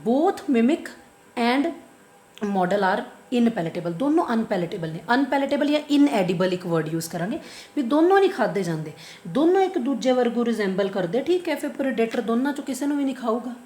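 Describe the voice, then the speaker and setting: A woman's voice: fairly high pitch, big pitch swings, a little fast, warm tone, roomy sound. A woman with a Punjabi accent teaching biology in an online lecture. She asks her own questions, answers them, and repeats the key terms.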